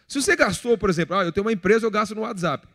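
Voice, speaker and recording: A man's voice: high voice, lively intonation, very fast, a bit bright. A man in his thirties with a Brazilian accent, preaching a sermon in a conversational, joking way and acting out little everyday scenes. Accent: Brazilian Portuguese. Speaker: pastor. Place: church hall. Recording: long church reverb.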